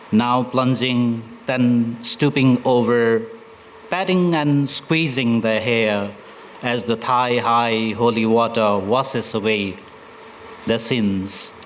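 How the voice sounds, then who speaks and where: Slow, deliberate male poet. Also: mid-range voice, slight background noise, rough recording. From Nepal. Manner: slow, deliberate reading with hesitant fillers between poems. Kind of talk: poetry recitation with spoken introductions. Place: literature festival stage.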